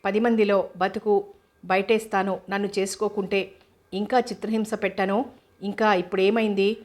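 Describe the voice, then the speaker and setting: A woman reading the lines of a scheming, resentful young woman in a storybook drama, in a flat, even way. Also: mid-range voice, normal speed, lightly acted.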